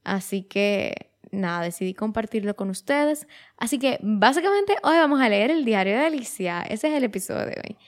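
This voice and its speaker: A woman's voice: mid-range voice, very animated, moderate pace. A woman of twenty-three talking casually and reflectively as host of her own show, chatty, often restarting her phrases and dropping in English words. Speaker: podcast host.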